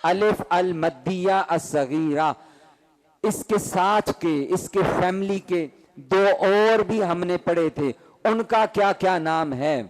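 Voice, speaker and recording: Man, Quran teacher, classroom call-and-response, fairly high voice, drills terms aloud. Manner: quizzing students, repeating terms loudly in rhythm.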